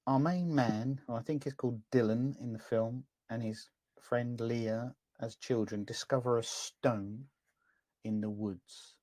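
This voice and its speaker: Casting note: male podcast co-host, wry and halting, mid pitch, dry close mic. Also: steady tone, a little mellow, no room sound. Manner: hesitant, many ums and uhs, wry. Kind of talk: casual film-review chat.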